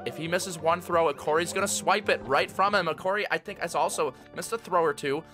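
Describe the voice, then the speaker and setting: A man's voice: on the high side, a little fast, over music. A young man doing casual, jokey play-by-play commentary on a video game race. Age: young adult.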